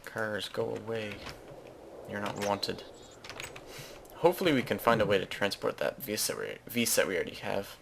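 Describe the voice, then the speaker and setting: Gravelly low-voiced man narrating gameplay. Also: very animated, brisk, noisy background. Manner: rambling, self-correcting, chatty asides. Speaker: Let's Play host. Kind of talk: casual gameplay commentary.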